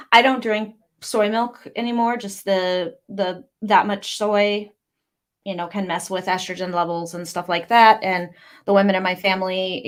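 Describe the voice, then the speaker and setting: A woman hosting a casual writing livestream from home, reading viewer comments aloud and rambling between them with lots of fillers. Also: mid-range voice. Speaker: livestream host.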